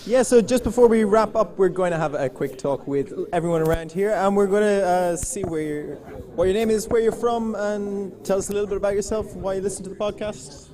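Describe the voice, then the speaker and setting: A man going around a live audience, introducing people one by one for quick chats. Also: high voice, a crowd in the background. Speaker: roving presenter interviewing the audience. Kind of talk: casual audience chat.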